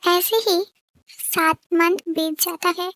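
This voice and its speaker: A woman narrating a fan-fiction story in a slow, even way. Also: very high voice.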